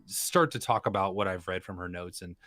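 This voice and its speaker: A man's voice: low voice, brisk, pushed and bright. A man chatting casually as a player in a tabletop game, explaining what his character does.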